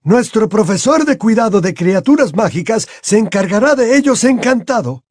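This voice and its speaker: A man's voice: high-pitched, very animated, moderate pace, a little mellow, dry recording, studio quality, voice pushed up. A man reading aloud voices an old, courteous wizard headmaster who speaks graciously and politely. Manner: gracious, polite, slightly hesitant.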